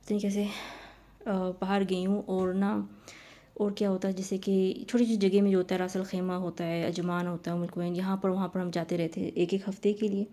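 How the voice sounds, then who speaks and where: A woman's voice: medium pitch, level tone, dark tone. A woman telling a personal story in a casual, rambling way, often repeating her phrases.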